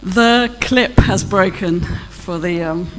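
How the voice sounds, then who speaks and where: A British keynote speaker gives a chatty, self-deprecating talk with a handheld mic on a large auditorium stage before an audience. Her voice is on the low side and slow, with faint music behind, long hall reverb, and a faint hum.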